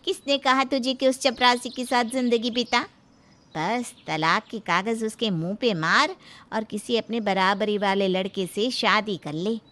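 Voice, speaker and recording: Narrator as a scheming middle-aged mother, scornful and slow. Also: fairly high pitch, fairly even intonation, fairly bright tone.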